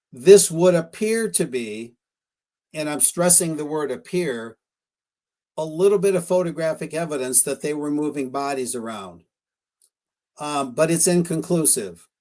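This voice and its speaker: Male talk-show guest, a touch higher pitched, cautious and speculative, stresses he is being careful. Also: a little mellow. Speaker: guest researcher discussing photos. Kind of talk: live-streamed radio talk.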